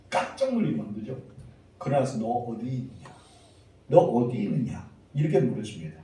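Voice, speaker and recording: A male pastor preaching a Sunday sermon, leading the congregation in reading aloud and breaking into sudden loud calls. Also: medium pitch. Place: church sanctuary. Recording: echoey church hall, mic at a distance.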